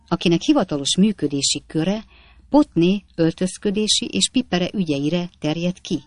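A woman narrates a classic novel as an audiobook in an even, measured storytelling manner. Her voice sits on the lower side, and the recording is dry and close with no room echo.

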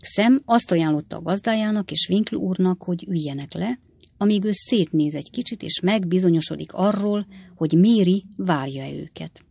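A woman narrating an audiobook in a measured storytelling manner. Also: lowish voice, gravelly, a little mellow, slightly rough, no echo.

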